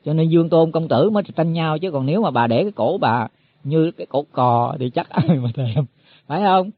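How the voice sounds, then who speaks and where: A man's voice: a little high, expressive, normal speed, dry recording. A man giving a Buddhist sermon to monks, explaining in a folksy way and repeating his words as he goes. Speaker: Buddhist teacher. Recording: tinny phone-like, dry.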